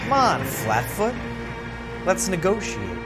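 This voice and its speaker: An actor playing a desperate, taunting armed crook in a video game crime drama. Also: male voice, sits high, huge pitch swings, slow pace, heavily acted. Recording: very loud music over dialogue.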